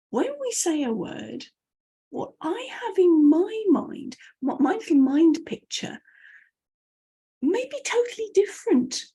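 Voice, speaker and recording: Speaking to camera with a high, mellow voice, this British English-speaking coach from the United Kingdom helps her audience with message clarity. She shares anecdotes and pokes fun at herself along the way.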